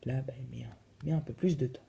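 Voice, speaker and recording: A man's voice: mid-range voice, fast, creaky, warm tone. A man casually reviewing a phone in his vlog, hesitant and full of fillers. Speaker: vlogger.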